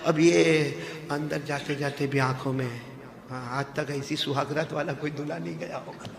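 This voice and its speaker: High-voiced preacher shouting in an echoey hall. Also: male voice, steady tone, creaky, heavy background noise. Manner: swings from soft storytelling to shouted, chanted Quranic recitation. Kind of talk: Islamic story sermon to a live crowd.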